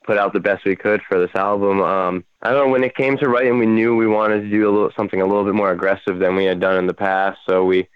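Band guest, man, smooth low voice, casual and rambling, slightly dull audio. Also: steady tone, fast, hardly any pauses, no room sound. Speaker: band member, interview guest. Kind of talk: casual interview chat.

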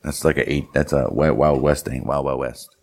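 A man's voice: very deep voice, normal speed, a little mellow. A man co-hosting a true-crime podcast, reading case notes aloud and then chatting about them casually. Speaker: podcast co-host.

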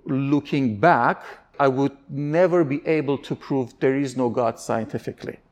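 A man's voice: mid-range voice, normal speed. A man from Iran, giving candid interview answers in an earnest, searching way, often restarting his sentences.

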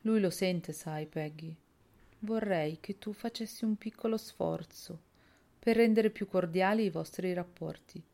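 A woman reading an audiobook and voicing a frail, bedridden woman who speaks softly and pleadingly, with a low, gravelly voice. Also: unhurried.

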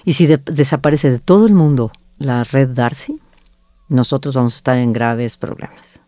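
A middle-aged woman recounts her business story in a lively way, quoting herself and others. Her voice is warm and mellow, and the recording sounds dry and close. She speaks as a guest in a conversational interview. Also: rumbling low, normal speed, no room sound. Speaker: agency founder, guest.

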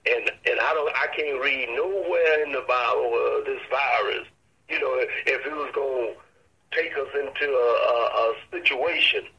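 An older man with an Arkansas accent, a church elder speaking as an interview guest in a folksy, halting way. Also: medium pitch, creaky, pushed and bright. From Arkansas, United States. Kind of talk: casual interview talk on faith. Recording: dull lo-fi radio or phone line.

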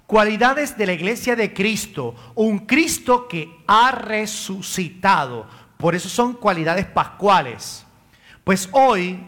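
Bright high-voiced priest preaching a sermon. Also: male voice. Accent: Caribbean Spanish. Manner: rhetorical questions and answers, addresses congregants by name. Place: church.

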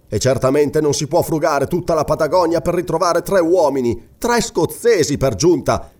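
A man's voice: a little high, darkish tone, voice pushed up. A man reading aloud, voicing an indignant nobleman who bitterly recounts a refusal. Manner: bitter, raised delivery. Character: indignant Scottish lord, husband.

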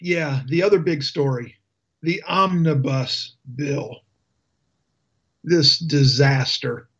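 Male radio host, slightly high voice, slow emphatic delivery, ranting with sarcasm. Dull lo-fi broadcast sound. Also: a bit bright. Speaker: radio talk show host. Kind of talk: political talk radio commentary.

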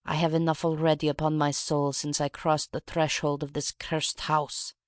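A reader playing a proud, grave Russian woman revolutionary who makes a dignified confession in an audiobook. The recording is dry and close, with a middle pitch. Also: little pitch movement, normal speed, no echo, natural voice. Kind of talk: audiobook reading.

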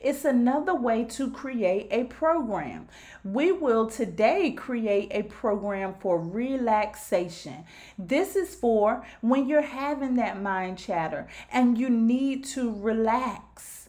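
A woman's voice: a little high, lively intonation, slow, darkish tone. A woman podcast host giving a motivational self-help talk straight to her listeners.

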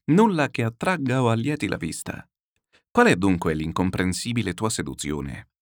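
A man reading a literary text aloud, declamatory and lyrical, with slow solemn pauses. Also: sits low, no room sound, clean studio sound. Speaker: reader.

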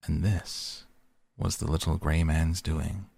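Man, bedtime storyteller, soft, calm, very low voice, gravelly, dry sound. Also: slow, dry recording.

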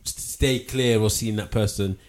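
A man's voice: fairly low pitch, fairly even intonation, a little slow. A man with an urban London roadman accent debating casually in street slang, emphatic and repeating himself for effect. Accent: London, urban street "roadman" style. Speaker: talk show panellist.

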